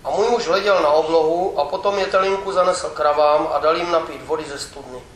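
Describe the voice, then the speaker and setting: High-voiced memoir reader. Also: male voice, fairly even intonation. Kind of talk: reading a memoir aloud. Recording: echoey room with faint background noise.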